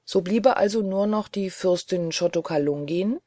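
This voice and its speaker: An audiobook narrator reading a literary novel in first person, in a measured, earnest way. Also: medium pitch, mellow, no echo, clean studio sound.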